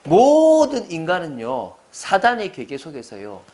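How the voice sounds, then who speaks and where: A man's voice: on the high side, huge pitch swings, a little slow, a little mellow. A man preaching a Sunday sermon as pastor. He stresses his points hard and keeps putting questions to the congregation.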